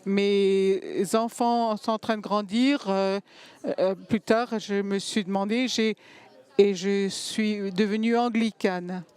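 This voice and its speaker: A woman giving a simultaneous interpretation of a panel talk, halting and pausing to find words. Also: mid-range voice, fairly even intonation, darkish tone, smooth.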